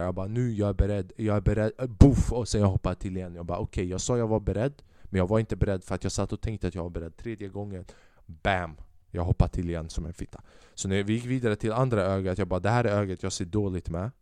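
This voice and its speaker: A man's voice: lowish voice, dark tone, dry recording, studio quality. A young man hosting a podcast, telling a rambling comic story in casual chat, acting out what people said and swearing freely. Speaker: podcast host. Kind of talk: casual comedic monologue.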